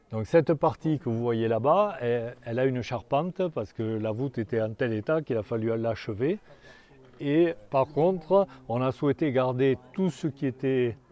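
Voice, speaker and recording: Older male guide, mellow low tone, outdoors, stop-start delivery. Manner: halting, many restarts and fillers. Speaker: tour guide. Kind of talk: guided tour talk. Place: outdoors in a hamlet.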